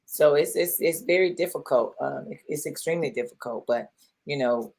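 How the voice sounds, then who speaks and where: Woman, middle-aged, very low pitch, casual co-host chat, repeats herself, presses with questions. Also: moderate pace, gravelly, darkish tone, husky. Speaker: podcast co-host.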